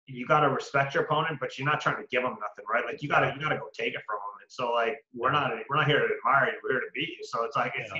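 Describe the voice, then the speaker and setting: A man interviewing a guest in a casual sports conversation, asking quick, conversational questions. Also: medium pitch, bright, forceful tone. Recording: echoey, dull lo-fi audio.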